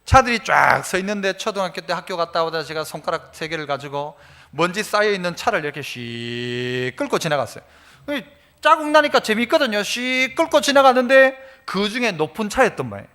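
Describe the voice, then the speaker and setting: A middle-aged man, preaching a sermon as pastor, telling stories and swinging from soft to loud. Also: sits high, big pitch swings, brisk. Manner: storytelling, acts out voices, swings from soft to loud.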